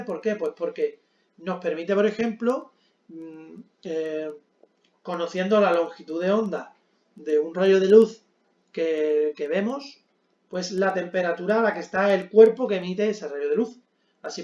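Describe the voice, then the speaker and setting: A man's voice: sits high, darkish tone, roomy sound, lo-fi sound. A man teaching a physics lesson at a board, explaining step by step with frequent check-ins and hesitant fillers.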